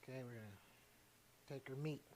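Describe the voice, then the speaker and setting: A man's voice: medium pitch, brisk, darkish tone, a little hiss or hum. A man hosting a casual cooking livestream, playful and chatty, talking straight to his viewers. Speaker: cooking show host.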